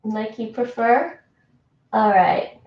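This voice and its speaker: Cooking in her home kitchen, a livestreamer from Toronto, Canada, laughs a lot as she talks casually with her chat. She speaks slowly in a fairly high voice, far from the mic, so the audio comes across dull and echoey.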